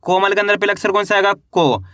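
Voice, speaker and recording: A man's voice: sits high, quick pace, fairly bright tone, no echo, studio quality. A man teaching Hindi reading, sounding out each word syllable by syllable and answering his own questions. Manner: repeats questions and answers himself.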